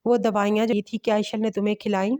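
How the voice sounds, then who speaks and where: A woman's voice: medium pitch, level tone, fast, warm tone, close to an everyday voice. Woman reading as a probing stepmother. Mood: worried. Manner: questioning.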